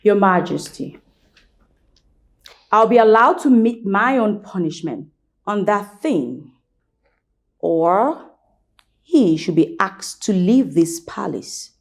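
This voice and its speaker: A woman's voice: medium pitch, expressive, takes it slowly, vocal fry, pauses often. An actress playing a haughty, vengeful young royal woman in a film drama, imperious and indignant.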